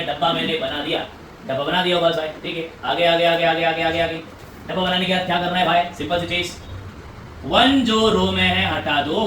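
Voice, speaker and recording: A man teaching maths in a classroom, talking briskly, repeating himself and coaxing students along, heard from a distant mic. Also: a little high, bright, forceful tone. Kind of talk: classroom lecture. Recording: echoey room, voice from afar, faint hum.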